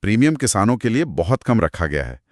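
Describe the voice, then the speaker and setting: A man's voice: lowish voice, big pitch swings, fairly quick, no room sound, clean studio sound. A man co-hosting a scripted explainer chat, explaining details patiently. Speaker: co-host.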